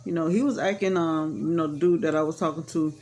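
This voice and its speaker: A woman's voice: low voice, steady tone, fast, darkish tone. Woman telling a story in rambling chat. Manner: rambling, full of "you know" fillers; frank and matter-of-fact about hard events. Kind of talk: casual personal storytelling.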